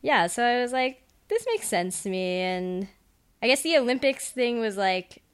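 A woman's voice: a little high, sing-song, normal speed, clean tone. Easygoing woman, chatty and laughing. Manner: easygoing, laughs often, filler-heavy. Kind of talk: casual chat.

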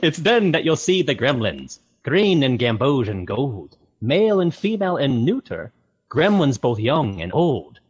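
Brief: man doing a pompous airman in a put-on transatlantic accent, husky, sing-song and animated recitation. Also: medium pitch, measured pace. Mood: theatrical. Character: pompous old-fashioned male air force officer reciting verse.

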